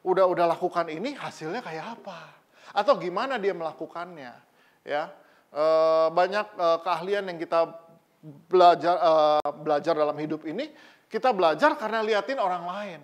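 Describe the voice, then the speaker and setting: A male pastor preaching a sermon in an animated, conversational way, full of rhetorical questions. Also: sits high, normal speed. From Indonesia.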